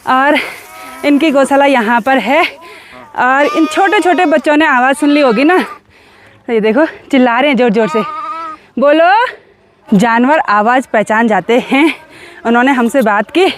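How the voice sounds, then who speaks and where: A young woman from Uttarakhand, India, vlogs outdoors around her hill village on a phone camera, narrating casually and teasing her neighbours in a chatty, cheerful way. Her voice is high, and she speaks at a measured pace with long pauses.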